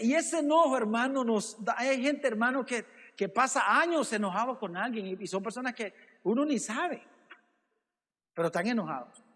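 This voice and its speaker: A pastor with a notably high, slightly bright voice preaches a sermon, repeatedly calling his listeners brother and tossing out rhetorical questions. The long reverb of a church hall rings around him.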